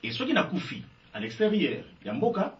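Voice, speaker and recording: A man with a Congolese French accent, appearing as a guest, gives emphatic interview answers and mixes in some Lingala. His voice is high and brisk, with pitch that swoops wildly. The recording sounds echoey, distant and dull.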